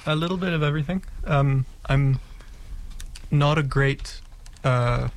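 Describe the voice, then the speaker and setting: A man's voice: fairly high pitch, a little slow. A young man from Greece, a student guest on a college radio show, speaking modestly and hesitantly. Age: young adult. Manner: modest, hesitant, self-deprecating. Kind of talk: casual radio interview.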